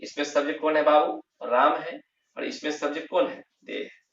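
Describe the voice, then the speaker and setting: A man's voice: a little high, fairly even intonation, fairly bright tone, a little hiss or hum. Man teaching grammar, heard from afar. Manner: repeats key terms, slow and emphatic, asks and answers himself. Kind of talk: classroom lesson explaining grammar. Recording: roomy, distant, dull lo-fi sound.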